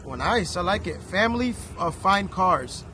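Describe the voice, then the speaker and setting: A man's voice: high voice, lively intonation, normal speed, pushed and bright, slight background noise. A man hosting a casual car vlog at an outdoor auction lot, talking enthusiastically straight to his viewers.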